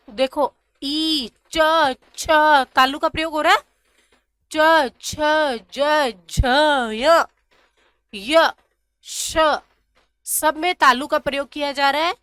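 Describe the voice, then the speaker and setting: A woman gives a grammar lesson in a high, bright voice. She drills syllables slowly and answers her own questions. The recording is dry and close. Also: no room sound. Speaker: Sanskrit teacher.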